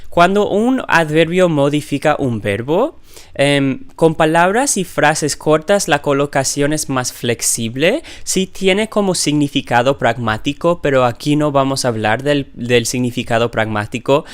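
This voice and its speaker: A man teaching a grammar lesson, explaining step by step, often pausing to correct himself. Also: on the high side, lively intonation, clear, resonant tone. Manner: explanatory, with frequent self-corrections and fillers. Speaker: language teacher. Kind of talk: grammar lecture.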